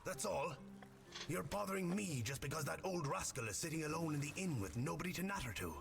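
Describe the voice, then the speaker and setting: Grumpy, gravelly villager. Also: male voice, a little high, expressive, brisk, over music. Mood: gruff, irritated. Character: grumpy, dismissive villager man, fed up. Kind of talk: video game character dialogue. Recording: muffled, as if into a glass.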